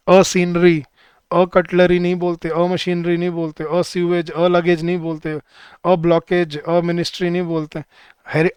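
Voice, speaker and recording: A man teaching a live online class for bank exam students, speaking Hindi, repeating each word slowly and drilling the rules, with words said. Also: a little high, smooth, no room sound.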